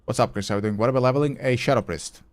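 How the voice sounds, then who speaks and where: A man's voice: medium pitch, very fast. A man streaming a game live, thinking aloud as he plays and chatting casually with viewers, sometimes swearing. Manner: chatty, answers viewer chat while playing. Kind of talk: casual live gameplay commentary.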